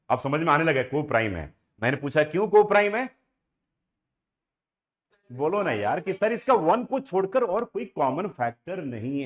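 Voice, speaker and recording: A man teaching a maths lesson, coaxing his students and repeating each step, mixing in English phrases. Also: medium pitch. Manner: coaxing and repetitive, mixes Hindi with English phrases. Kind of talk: classroom lecture.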